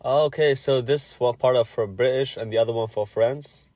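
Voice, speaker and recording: A man's voice: medium pitch, moderate pace, darkish tone, no room sound. A man in his twenties from Algeria, chatting with strangers online in a blunt, curious way and swearing freely. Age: 20s. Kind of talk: casual chat.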